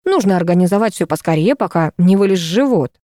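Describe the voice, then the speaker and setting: Lady reading smug businesslike dad, formal, mellow dry voice. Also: on the low side, animated, fairly quick, no room sound, lightly acted. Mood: pleased. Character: fiancé's father, older man, pleased and businesslike.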